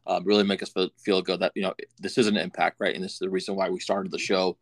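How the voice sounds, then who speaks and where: A man co-hosting a podcast in casual chat, talking in a rambling, halting way with frequent restarts. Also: low-pitched, level tone, gravelly, no room sound. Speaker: podcast co-host.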